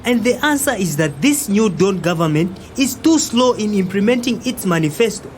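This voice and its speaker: In an audio drama, an actor plays an indignant young Zambian man who insists on his point, arguing emphatically and throwing in frequent interjections. He speaks at normal speed with a lively, swinging pitch, and some background noise can be heard behind him.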